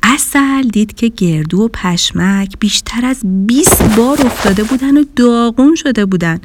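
A woman narrating a children's story in an animated, expressive way. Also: a little high, background noise.

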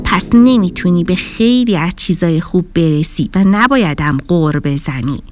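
A woman's voice: on the low side, animated, over music, pitched below the performer's own voice, lightly acted. A woman voicing a sassy, teasing talking reflection in a magic mirror that mocks and lectures, in a storybook reading. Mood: stern. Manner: cheeky, mocking and lecturing.

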